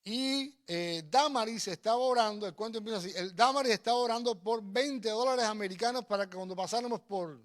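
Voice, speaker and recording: Talking a little fast with hardly any pauses, a high-voiced Cuban man preaches emphatically and weaves in personal stories. His sermon is exhorting in style, with repeated phrases.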